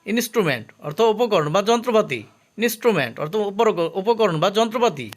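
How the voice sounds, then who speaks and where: A man's voice: high-pitched, lively intonation. A man teaching English vocabulary, saying each word and its meaning twice and stopping to explain the pronunciation. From Bangladesh. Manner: slow, careful drill with pronunciation notes.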